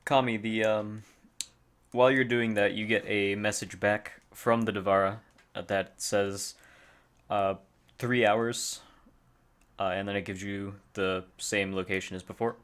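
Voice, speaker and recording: Low-voiced man running a tabletop game. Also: level tone, fairly bright tone, clean tone. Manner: halting narration with fillers, chuckling. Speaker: game master.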